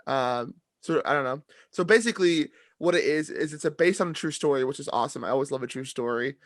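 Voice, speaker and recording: A man's voice: mid-range voice, fast, no room sound, studio quality. A young man co-hosting a casual movie podcast, talking loosely with many fillers. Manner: relaxed, filler-heavy, lots of "like". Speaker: podcast co-host. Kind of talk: casual chat.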